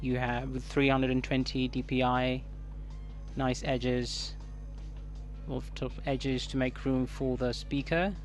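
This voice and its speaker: A man with a Kenyan East African accent giving casual unboxing commentary as a tech reviewer, haltingly thinking aloud. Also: medium pitch, level tone. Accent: Kenyan English. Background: music.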